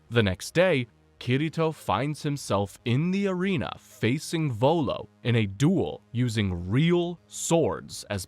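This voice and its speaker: A man narrates a scripted story recap with a lively, rising-and-falling pitch. His read is steady and explanatory, walking through each event in turn. The sound is close and dry, with no room around it. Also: no echo.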